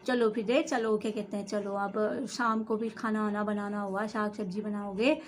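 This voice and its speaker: A woman's voice: mid-range voice, level tone, moderate pace, a little hiss or hum. A woman with an Uttarakhand Hindi accent, acting out a gossipy village chat between two friends in a comic vlog, full of fillers and tag words. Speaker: comedy vlogger.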